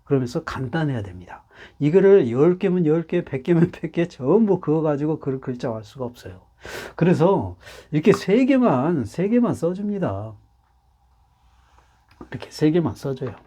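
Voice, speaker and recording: A mellow, fairly high-pitched man leads a spirited Chinese character lesson as a Hanja teacher. He takes his time explaining and keeps restating the same points.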